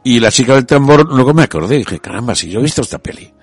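A man hosting a radio talk show, speaking in a relaxed, conversational way with frequent hesitations. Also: mid-range voice, fast, breathy edge, dry recording, soft background music.

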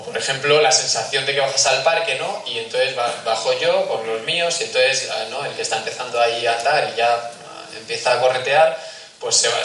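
A man speaks from a distance in a large, echoing hall, with a bright, forceful voice. He talks to parents in a conversational way, puts questions to them and acts out short everyday scenes. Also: medium pitch, a little hiss or hum. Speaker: speaker giving a talk on family and faith. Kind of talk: talk to parents. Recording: echoey hall, speaker far from mic.

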